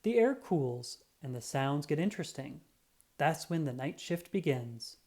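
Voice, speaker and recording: Here a medium-pitched, unhurried narrator tells a children's picture-book story, taking on the role of a self-important cat sleuth. Expect lots of expression and drama, plus acted-out sound effects.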